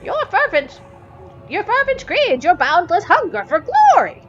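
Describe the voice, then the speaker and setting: A woman voicing a sinister, greedy crow in a game, with a shrill, screeching, theatrical delivery that repeats its cries. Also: very animated, a little slow, muffled recording, noisy background, full character voice. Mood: menacing. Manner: repeats each cry twice. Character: shrieking sinister male crow, greedy and menacing. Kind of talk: game voice acting.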